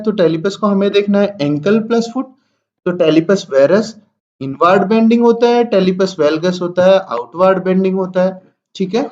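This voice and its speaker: A man's voice: sits high, a little mellow, dull audio. A man teaching nursing students over slides, who repeats each point and asks and answers his own questions.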